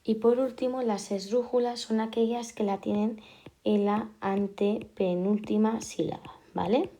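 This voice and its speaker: A woman teacher, patiently explaining a lesson and repeating key words slowly. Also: mid-range voice, steady tone, dark tone. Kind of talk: classroom explanation.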